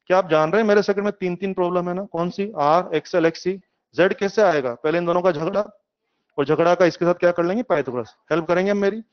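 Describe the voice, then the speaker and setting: A middle-aged man teaching physics, lively and questioning, drawing in his students with homely examples. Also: high voice, quick pace, clean tone, muffled recording. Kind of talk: classroom lecture.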